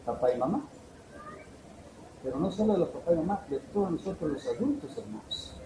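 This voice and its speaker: High-voiced preacher in an echoey church. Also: male voice, animated, fairly quick. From El Salvador. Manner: fervent, rising to emphatic peaks then dropping low. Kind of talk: sermon. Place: church hall. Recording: echoey church room, faint noise.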